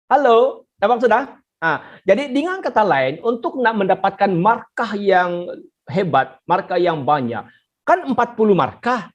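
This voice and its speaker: A teacher leads an online exam-prep lesson, coaxing pupils and saying each point twice. The voice sits at a middle pitch. The recording is slightly muffled and dull. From Sabah, Malaysia. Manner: repetitive, coaxing, addresses pupils directly.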